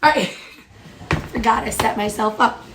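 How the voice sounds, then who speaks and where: Stuffy-nosed, high-voiced chatty woman. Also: measured pace, fairly bright tone, a little hiss or hum. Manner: chatty and upbeat, talks through each step. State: nasal, stuffy from allergies. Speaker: home baking vlogger. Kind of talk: casual cooking tutorial chat.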